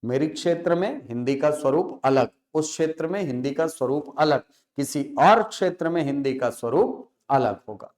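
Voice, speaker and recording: A man teaching a classroom lecture. He asks questions, answers them himself, and repeats key words slowly to stress them. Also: fairly high pitch, lively intonation, darkish tone.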